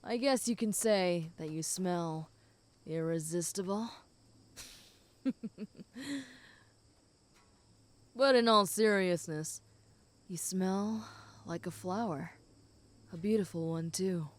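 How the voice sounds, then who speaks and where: A woman voicing a flirty, possessive and protective female werewolf in an intimate audio role-play, speaking teasingly to the listener in a smooth voice. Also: on the low side, slow pace, pauses often. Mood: flirty, admiring. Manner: flirty, teasing, with soft chuckles.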